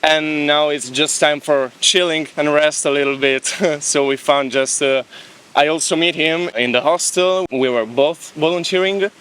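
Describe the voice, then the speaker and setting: A young Italian man chats easily about his travels in a casual street interview on a beach outdoors, laughing between thoughts. His fairly high voice is steady, bright, clear and resonant, and he speaks at a measured pace.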